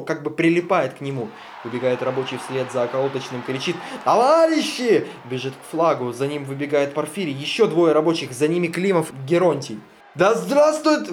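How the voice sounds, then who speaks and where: Calm man reading a play aloud. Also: mid-range voice, a little hiss or hum. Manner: calm even narration, joking asides. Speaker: podcast host.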